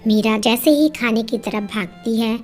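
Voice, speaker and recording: A woman narrating a moral story in a plain, steady storytelling manner. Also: a little high, moderate pace, soft background music.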